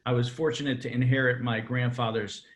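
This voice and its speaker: Rambling cigar maker telling stories. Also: male voice, mid-range voice, steady tone, a little fast. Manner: rambling storyteller, many fillers. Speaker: cigar maker, interview guest. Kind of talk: casual interview chat.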